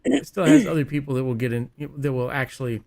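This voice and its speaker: A man's voice: mid-range voice, animated, fast, gravelly, darkish tone. A man talking as a panelist in a casual fan chat, rambling, restarting sentences, and joking as he goes.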